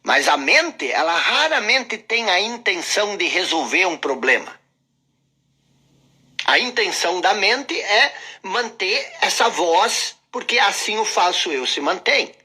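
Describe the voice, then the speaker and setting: A man teaching a motivational self-help lesson who talks straight to the listener and repeats his points for emphasis. His voice is bright and a little husky, and his pitch rises and falls with lively swings. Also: measured pace. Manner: emphatic, repeats phrases, addresses listener directly.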